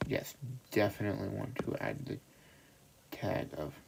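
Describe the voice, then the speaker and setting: A man's voice: lowish voice, unhurried, vocal fry. A young man chatting casually to himself on a livestream, rambling and self-deprecating. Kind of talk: casual solo stream chatter. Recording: loud background noise.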